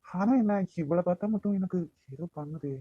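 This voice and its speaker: A man's voice: sits high, fairly quick, phone-quality sound, slight background noise, lightly acted. A man voicing several young men in a Tamil cartoon romance, with a Nagercoil accent, wheedling his fiancée and musing aloud to himself. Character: young man, affectionate fiancé and lovestruck taxi driver. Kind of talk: cartoon voice acting.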